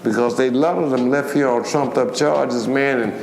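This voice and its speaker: An older man, a political activist and former militant, delivers an impassioned speech in an emphatic, colloquial style, repeating phrases for emphasis. His voice is medium-pitched, creaky and a little mellow, with a steady tone at normal speed. The room is echoey, with music behind him.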